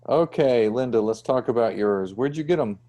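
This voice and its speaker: A man's voice: medium pitch, expressive, moderate pace, warm tone, lo-fi sound. A man teaching an online design class over a video call, chatty and checking in with "right?". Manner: conversational, often checks with "right?".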